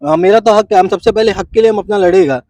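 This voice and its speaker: A man's voice: high voice, quick pace, warm tone, dry recording, far from the mic. A man who runs a street stall, making an emphatic, aggrieved complaint in a street interview. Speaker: street vendor.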